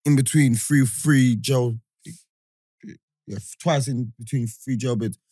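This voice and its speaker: A man with a London roadman accent chatting casually in heavy street slang, animated and repeating phrases for emphasis. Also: mid-range voice, slow, dry recording.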